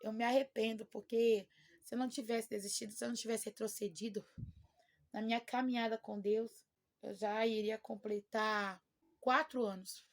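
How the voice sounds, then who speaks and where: Woman, young adult, Brazilian Portuguese accent, personal testimony, emotional, slightly high voice. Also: steady tone, moderate pace. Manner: emotional, repeats words for emphasis.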